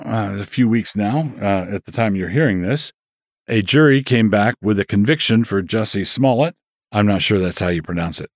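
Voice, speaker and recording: Low-voiced man hosting a podcast. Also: no room sound, studio quality. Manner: wry, conversational, trails off and restarts. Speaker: podcast host. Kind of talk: solo commentary.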